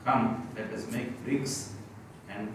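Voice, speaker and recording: A man reads a scripture passage aloud to a study group at a steady pace. He sits far from the mic in a very echoey room, and a clear hiss runs behind him. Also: medium pitch, takes it slowly. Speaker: scripture reader in a Bible study.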